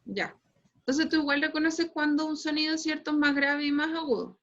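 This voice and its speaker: High-voiced Chilean teacher on a video call. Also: female voice, fairly even intonation, moderate pace, highs cut off. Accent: Chilean Spanish. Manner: explains patiently, constantly tags phrases with "¿cierto?". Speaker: physics teacher. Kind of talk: online class lecture. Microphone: computer mic on a video call.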